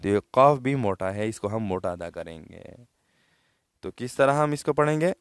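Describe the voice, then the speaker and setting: A man's voice: lively intonation, clear, resonant tone, no room sound, clean studio sound. A man with a Pakistani Urdu accent teaching Quran recitation rules, patiently explaining letter sounds and checking that students follow. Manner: patient, checks understanding, drops low at phrase ends; slow melodic recitation in the passages he reads out. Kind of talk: tajweed lesson, explaining and modelling recitation.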